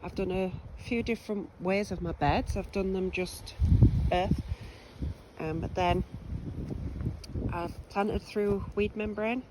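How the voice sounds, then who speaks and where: Walking around her allotment outdoors, a woman with a cold gives a casual, scattered vlog tour, sniffling and full of ums and restarts. Her mid-range voice is steady and slow, with frequent pauses. Background noise is heavy.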